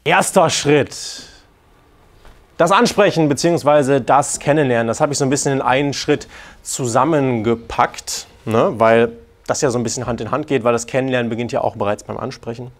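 A young man, a dating coach, talking to viewers and then giving a seminar talk, lively and acting out the people he quotes. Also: moderate pace. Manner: animated, acts out quoted clients in a higher voice. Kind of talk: seminar talk and video intro.

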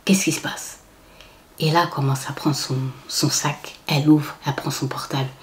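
Speaking at a moderate pace in a low-pitched voice, a woman vlogger animatedly shares a casual storytime tale. She performs the voices of those she quotes and lowers to a whisper for her asides.

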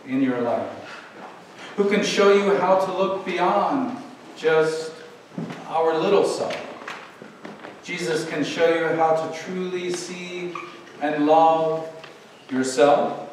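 A middle-aged man, a priest, preaching a calm, reflective sermon with pauses from a pulpit in a large church. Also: fairly high pitch, slight background noise. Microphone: pulpit microphone, far camera. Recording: very echoey church from far off.

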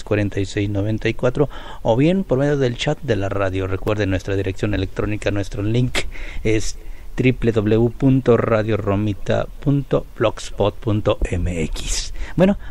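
A man's voice: lowish voice, dark tone. A middle-aged man with a Mexican accent hosting live local radio, chatty and sending greetings and dedications from the studio booth. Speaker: radio host.

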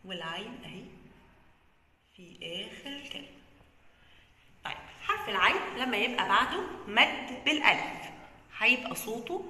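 A woman with an Egyptian Arabic accent teaches kindergarteners how to write a letter, slowly drawing out each sound. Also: a little high, lively intonation, pushed and bright, roomy sound, big-room sound. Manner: slow, drawn-out sounding of letters. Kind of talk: children's writing lesson.

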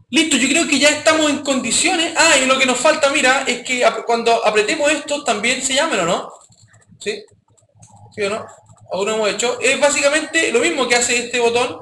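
A man teaching a coding class, his voice high and bright. He speaks casually and keeps checking that the students follow. The sound is echoey, with faint background noise. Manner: casual, addresses students directly with frequent checks. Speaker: programming teacher. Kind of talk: live classroom coding lesson.

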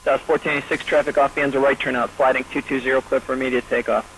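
Male air traffic controller, fast directive radio instructions with a faint background noise. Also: mid-range voice, little pitch movement, fairly bright tone, rough recording. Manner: clipped, directive, rapid-fire phrasing. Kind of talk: tower radio instructions to aircraft.

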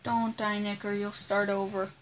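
A woman's voice: medium pitch, flat delivery, normal speed, a little hiss or hum, low-quality recording. A woman giving casual commentary while playing a video game, talking to herself in an exasperated way. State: hiccuping. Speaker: gamer playing on a channel.

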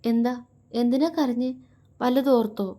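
A woman's voice: fairly even intonation, normal speed, lightly acted. A woman voicing an anxious, tender young wife in a read-aloud romance story, pleading in a raised voice. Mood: worried. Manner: pleading, higher and louder than the narration.

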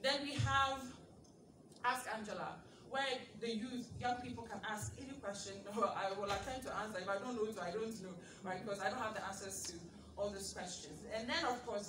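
In a large indoor event space, a woman from Ghana in her thirties, a TV host, speaks animatedly to a crowd with a medium-pitched voice, mixing rhetorical questions with laughing asides. She holds a handheld mic, yet the clip is captured from far out in the audience, giving a distant, echoey sound filled with ambient noise and crowd chatter.

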